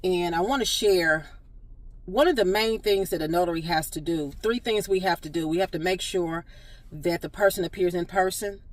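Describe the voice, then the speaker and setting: A woman's voice: fairly low pitch, moderate pace, no echo, distant mic. A woman notary public telling a story to camera, earnest and direct, firm on principle.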